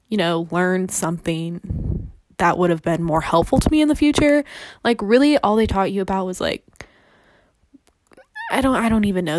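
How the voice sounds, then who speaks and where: A woman's voice: medium pitch, no room sound. Rambling, sarcastic teen girl podcaster. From Seattle area. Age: teens. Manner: rambling, sarcastic, many fillers like "like" and "you know". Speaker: podcast host. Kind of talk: casual storytelling monologue.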